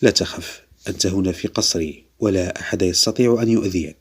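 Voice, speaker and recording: A man reading the lines of a calm, authoritative older male jinn lord in a spoken story. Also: low-pitched, fast, husky. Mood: reassuring.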